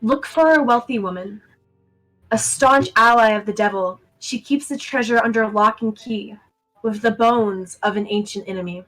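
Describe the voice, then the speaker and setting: A woman voicing a solemn, mystical fortune-teller in a tabletop game, speaking slowly and theatrically of destinies. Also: fairly high pitch, fairly bright tone, faint music behind, lightly acted, rough recording. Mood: ominous. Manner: slow, portentous, theatrical. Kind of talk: tabletop role-play acting.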